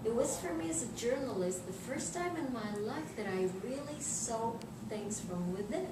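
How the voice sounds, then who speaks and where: A woman's voice: on the high side, expressive. Middle-aged Israeli-accented woman, distant and roomy. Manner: halting, searching for words in non-native English. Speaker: journalist being interviewed. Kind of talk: informal interview, telling personal anecdotes. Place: indoors in a living room, seated on an armchair. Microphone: distant camera microphone. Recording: roomy, noisy recording from a distance.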